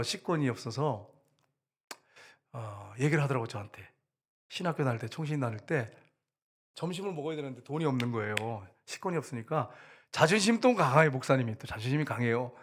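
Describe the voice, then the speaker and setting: A middle-aged man preaching a sermon in a church, talking conversationally and acting out the voices of people in his stories. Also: medium pitch. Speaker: pastor. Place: church sanctuary.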